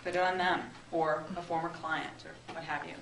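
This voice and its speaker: A woman's voice: sits low, fairly even intonation, normal speed. A woman giving an interactive marketing workshop in a meeting room, chatty and upbeat, often checking in with the audience. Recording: echoey room, distant mic, noisy.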